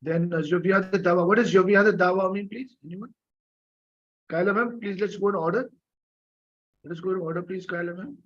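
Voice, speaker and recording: A man's voice: high-pitched, fairly quick, long pauses, fairly bright tone, muffled recording. A man teaching an online French class, patiently coaxing students for answers, with many fillers and coughs. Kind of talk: live online class lecture.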